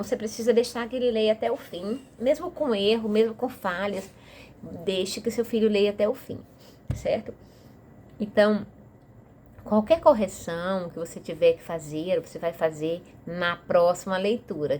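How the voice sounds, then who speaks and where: A woman's voice: medium pitch, a little mellow, a little hiss or hum. A woman with a Brazilian Portuguese accent explaining a reading method to parents in a casual, chatty way, often checking in with tag questions. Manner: chatty, frequent tag questions, talks straight to the listener.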